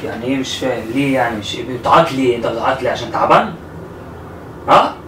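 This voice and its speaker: A man's voice: medium pitch, animated, racing, pushed and bright. Egyptian young male, concerned and insistent, echoey noisy room recording. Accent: Egyptian Arabic. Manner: worried, pressing questions, comforting. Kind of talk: caught-off-guard conversation. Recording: distant roomy mic with room noise.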